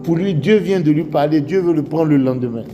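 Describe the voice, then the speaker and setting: A man's voice: a little high, fairly quick, highs cut off. A man with an Ivorian French accent preaching a sermon, telling stories and asking rhetorical questions. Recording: echoey hall with faint music.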